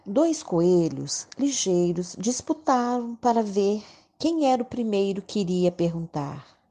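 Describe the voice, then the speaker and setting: A woman's voice: medium pitch, lively intonation, unhurried, mellow. A Brazilian woman narrating a children's story expressively, in the manner of a kids show host.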